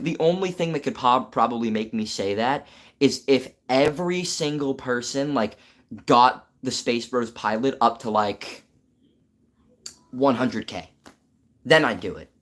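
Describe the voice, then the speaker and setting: Male streamer, casual live chat, excitable, rambling, filler words. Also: mid-range voice, takes it slowly, long pauses. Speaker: streamer and animation creator.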